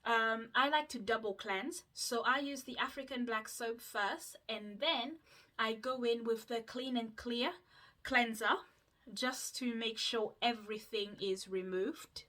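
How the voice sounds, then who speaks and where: Slightly high-pitched and a little slow, her bright voice carries a forceful edge. The speaker is a twenty-something Mauritian vlogger, a native Mauritian Creole speaker, rambling casually to viewers with fillers and asides as she does her skincare.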